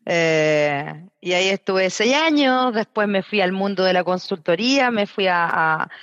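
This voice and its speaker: A woman's voice: mid-range voice, expressive, fairly bright tone, no echo. Chatty Chilean woman, dull dry sound. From southern Chile. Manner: chatty, quick, frequent eh fillers. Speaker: engineering director guest. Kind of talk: casual interview chat.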